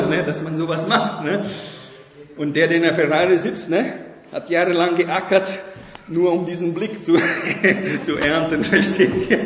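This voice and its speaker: Man preaching in an echoey hall. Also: fairly high pitch. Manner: conversational preaching with frequent "ne?" tags. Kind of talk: sermon. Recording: echoey hall with long reverb.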